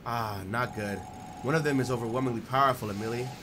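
A man voicing a powerful, calm, otherworldly male guardian, speaking slow, grave and low, reading game dialogue aloud. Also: background noise, lightly acted.

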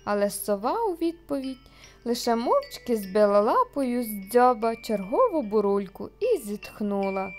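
A woman narrates a children's audio story. Her voice sits high and moves expressively. Soft music plays faintly behind her. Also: a little slow. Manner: lively, expressive read.

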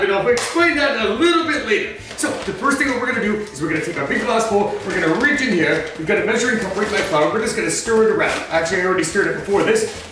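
A man in a superhero costume hosting a joking cooking demonstration, chatting as he explains each step. He is recorded in a home kitchen by a far camera. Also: high voice. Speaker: cosplay cooking host. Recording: echoey kitchen from far off, faint music.

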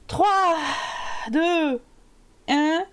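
A woman's voice: very high-pitched, very slow. A woman streaming a life-sim game, joking crudely and talking to the characters on screen. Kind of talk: casual gameplay commentary.

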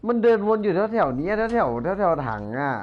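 A young man streaming a horror game with friends, talking crudely and excitably with lots of swearing. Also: a little high, a little fast. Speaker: gamer streamer. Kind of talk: casual gaming chat with friends. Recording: dull lo-fi sound with faint background hiss.

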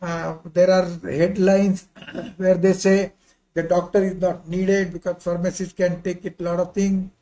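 This visiting pharmacy professor and associate dean, an older man, lectures from slides on a video call, his English carrying a non-native sound. He speaks high with little pitch movement, in a warm tone and at a measured pace, politely drifting into casual, meandering tangents.

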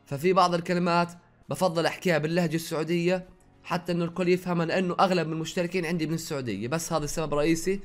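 Fast-talking young Jordanian man. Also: a little high, steady tone, soft background music. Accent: Jordanian Arabic with some Saudi words. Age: young adult. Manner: rapid, chatty, reads viewer questions aloud then answers. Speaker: YouTuber. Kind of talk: casual Q&A vlog answering viewers. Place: his own room at home.

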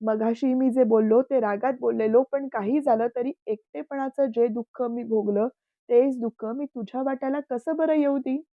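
A woman voicing a dignified uncle from a storybook, grave yet gently kind. The recording is dull and lo-fi, in a dry, close room. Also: very high voice, fairly even intonation, normal speed, dry recording. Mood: kindly.

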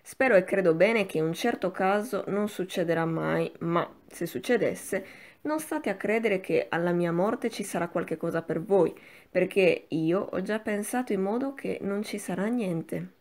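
Audiobook: woman reading a formidable old noblewoman, drowsy and placid, commanding, gravelly. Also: mid-range voice, a little slow, darkish tone, close to an everyday voice. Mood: cold, placid. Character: imperious old marchioness grandmother, cold and unshakable.

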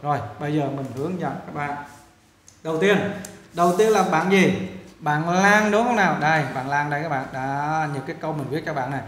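A man's voice: on the high side, a little fast, a bit bright, echoey room. A man teaching an English lesson with a Vietnamese accent, repetitive and coaxing, often checking in with his viewers. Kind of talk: casual classroom lesson.

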